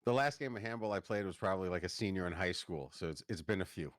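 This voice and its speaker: Man, 50s, New York accent, podcast guest, low voice, dry recording. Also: dry recording. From Long Island, New York. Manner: relaxed, halting with fillers. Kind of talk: casual interview chat.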